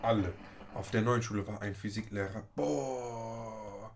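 A man's voice: lowish voice, measured pace. A young man in his twenties chatting casually, telling school stories in heavy slang and cursing freely. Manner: slangy storyteller, swears freely. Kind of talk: casual chat.

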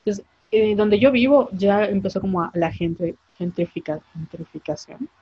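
A woman's voice: medium pitch, normal speed, slightly rough, lo-fi sound. A young woman, co-hosting a podcast in casual chat, talking in a blunt, impassioned way with casual swearing. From Mérida, Yucatán, Mexico. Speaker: podcast co-host.

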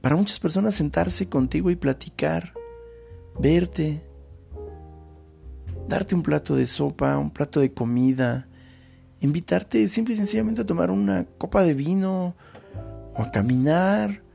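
A man's voice: a little high, animated, a little slow, vocal fry, pauses often, warm tone, faint music behind. A Mexican man hosting a podcast, talking through a casual, thoughtful monologue with slangy asides. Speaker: podcast host. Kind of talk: reflective monologue.

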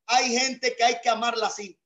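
High-pitched guy pastor preaching hard on a video call, gets shouty. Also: fairly even intonation, moderate pace. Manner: emphatic preaching that swells into shouts. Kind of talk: sermon.

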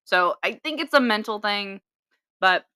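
A young woman co-hosting a casual podcast, talking in halting bursts with many restarts and trailing thoughts. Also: medium pitch, animated, pushed and bright, clean tone, no echo. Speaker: podcast co-host. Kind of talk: casual chat.

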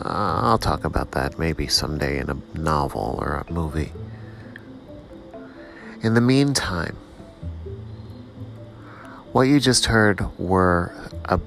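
Slow, low-voiced man rambling. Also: vocal fry, a bit bright. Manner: rambling, self-mocking, preachy. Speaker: podcast host. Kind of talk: rambling solo monologue.

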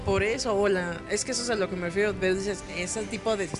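A woman with a Mexican accent talks in a loose, casual chat, animated and quick to act out quotes in mock voices. Her voice sits at a middling pitch. Music plays clearly in the background.

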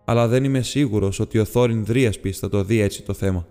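A man's voice: fairly low pitch, mellow, clear, resonant tone, lightly acted. A man reading the part of a stately male elf king in an audiobook, speaking in a solemn, dignified way. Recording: long reverb with faint music.

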